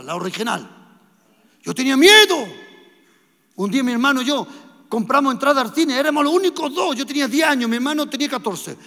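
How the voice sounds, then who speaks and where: Male preacher, high gravelly voice, animated loud sermon storytelling; long hall echo. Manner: loud, emphatic storytelling to a congregation. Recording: long reverb of a large hall.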